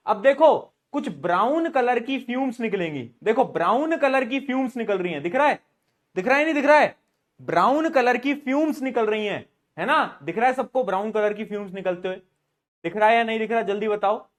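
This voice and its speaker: A young man teaching science in a live online class. His voice sits high for a man. He teases and jokes with his students as he talks to them directly. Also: lively intonation, brisk. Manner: playful, teasing, talks straight to students.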